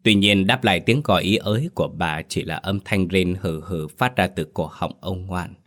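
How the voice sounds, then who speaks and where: A man narrating a scripted horror story in a slow, ominous storytelling manner. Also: low-pitched, fairly bright tone.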